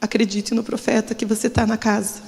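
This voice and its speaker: Pastora brasileira emocionada, voz aguda num salão de igreja com eco longo. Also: female voice, fairly high pitch, little pitch movement, a little fast, vocal fry, a little mellow. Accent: Brazilian Portuguese. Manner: emotional, confessional, trembling with nerves. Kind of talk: testimony sermon. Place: church service. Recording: long church hall reverb.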